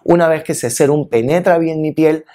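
Seated before a plain wall in an indoor room and wearing a lapel mic, a makeup reviewer and beauty vlogger in his early fifties talks casually and expressively to his viewers. He has a Peruvian accent and a warm, slightly high voice at a normal speed.

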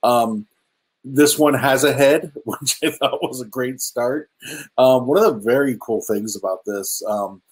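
The audio is poor as this middle-aged man, presenting at a virtual meetup from a room at home, walks through slides on his webcam. He speaks unhurriedly in a slightly rough, mid-range voice, chatty and hesitant, often restarting and saying um.

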